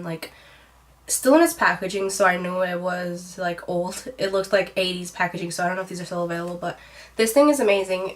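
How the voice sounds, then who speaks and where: A young woman with a stuffy, nasal voice from a cold, chatting casually through a favorites vlog, with plenty of rambling "like"s. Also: mid-range voice. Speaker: beauty vlogger.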